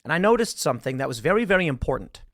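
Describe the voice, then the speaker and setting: A man, talking through political news in a solo commentary, animated and sarcastic. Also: on the high side, racing, dry recording, clean studio sound. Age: 30s. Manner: animated, sarcastic, mocking quoted voices.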